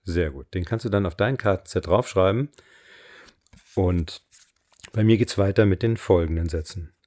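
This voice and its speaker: A man acting as a voice coach, calmly reading affirmation sentences aloud and pausing between them as a guided exercise. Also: low-pitched. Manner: slow, calm, reads affirmations aloud with pauses.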